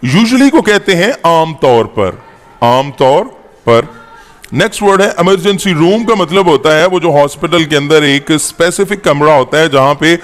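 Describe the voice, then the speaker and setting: A man teaching an English-to-Urdu lesson, slowly repeating each word and its meaning. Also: on the high side, expressive, long reverb tail. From Pakistan. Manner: spells out words slowly, repeating each one.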